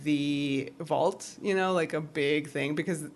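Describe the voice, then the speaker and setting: A woman with a low-pitched, steady voice speaks slowly as a podcast co-host. She chats casually through a TV recap, giggly and conversational, peppering her talk with "like."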